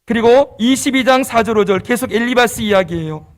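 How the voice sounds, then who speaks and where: A man preaching an expository sermon in church, his voice sitting unusually high for a man. He walks his listeners through each point in order and keeps asking whether they are following. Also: fairly quick. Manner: explains step by step and checks in with the congregation. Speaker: pastor.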